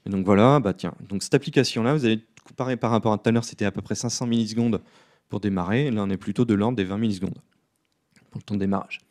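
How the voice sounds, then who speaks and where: A man giving a live coding talk at a conference, relaxed and self-deprecating, with many fillers. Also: fairly low pitch, quick pace. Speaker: conference speaker. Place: conference room.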